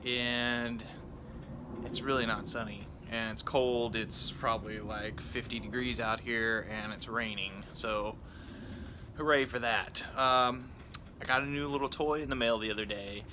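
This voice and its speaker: A man's voice: mid-range voice, fairly even intonation, measured pace, noisy background. A man chatting casually and informally outdoors in a backyard, rambling and interrupting himself as he reviews gear. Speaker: product reviewer and vlogger. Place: outdoors in a backyard on a rainy evening.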